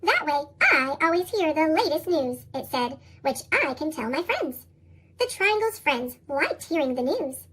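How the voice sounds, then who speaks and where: A storybook reader whose voice runs through a chipmunk effect, squeaky and sky-high. The reading hops up and down in a lively sing-song and bounces through rhyming verse. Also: a little slow. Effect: sped-up, high chipmunk-style pitch shift. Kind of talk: reading picture books aloud.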